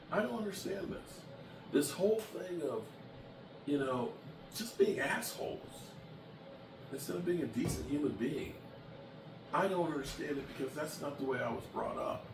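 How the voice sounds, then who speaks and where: A man in his late fifties chatting bluntly and emphatically as a sports vlogger, shifting from annoyed to heartfelt. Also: mid-range voice. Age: 50s. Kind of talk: casual chat to camera. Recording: echoey room from a distance with background noise.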